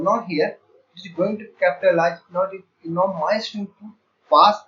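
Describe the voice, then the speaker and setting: A man's voice: high-pitched, a bit bright. A man teaching a programming lesson, walking through code step by step and counting characters aloud. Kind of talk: screen-share coding lecture. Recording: dull lo-fi sound.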